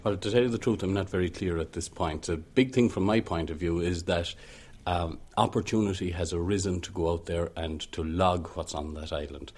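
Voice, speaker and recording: A man answers interview questions as a field researcher, speaking in a measured, cautious way. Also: low voice, fairly even intonation, darkish tone. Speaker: researcher recording a site.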